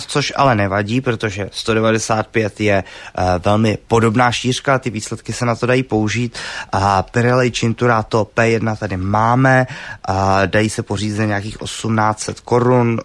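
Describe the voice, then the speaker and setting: A man's voice: fairly low pitch, no echo. A man as an expert guest on a radio call-in show, explaining with constant hesitations and filler sounds. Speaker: tire test expert guest. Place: radio studio.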